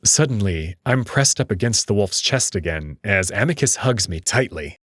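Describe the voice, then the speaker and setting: A man reading a visual novel aloud in first person, telling it expressively over soft background music. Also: on the low side, moderate pace. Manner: expressive storytelling. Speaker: narrator. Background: soft instrumental music.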